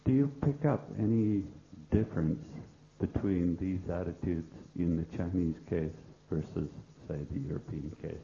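A man's voice: deep voice, a little slow, vocal fry, hardly any pauses, mellow, a little hiss or hum. A man in the audience asking a lecturer a question, hesitant and full of filler sounds. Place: lecture hall. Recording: roomy, dull hall recording via passed mic.

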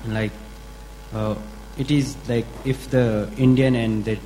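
A man from Nepal in the audience asking a halting question, full of fillers. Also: medium pitch, steady tone, warm tone, a little hiss or hum, rough recording. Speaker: audience member.

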